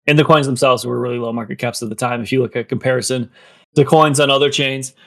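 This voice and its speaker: Speaking quickly with fairly even intonation, this man has a medium-pitched, creaky, slightly bright voice. On a casual podcast he wanders from point to point, filling gaps with "like" and "um," somewhat out of breath.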